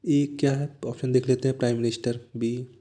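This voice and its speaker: A man going through exam answers as a teacher, reading each question slowly and then explaining it in quicker asides. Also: mid-range voice, level tone, mellow.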